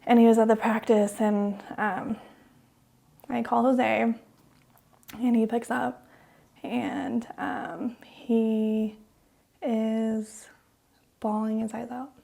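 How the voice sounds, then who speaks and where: A young woman co-hosting a podcast, telling a personal story haltingly with many fillers, sometimes dropping to a whisper. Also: fairly high pitch, level tone, gravelly, dark tone. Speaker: podcast co-host.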